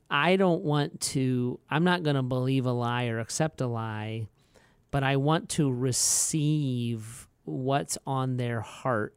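A middle-aged man co-hosting a podcast, chatting casually and telling animated stories with frequent restarts. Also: mid-range voice, clean tone, no room sound. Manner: animated storyteller who acts out quoted voices; frequent restarts and filler words. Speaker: podcast co-host.

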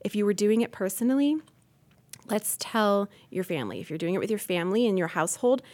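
A woman in her thirties, a podcast guest, talking earnestly and thoughtfully on a faith podcast, pausing and restarting as she thinks. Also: medium pitch, animated, darkish tone. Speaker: podcast guest, incoming host.

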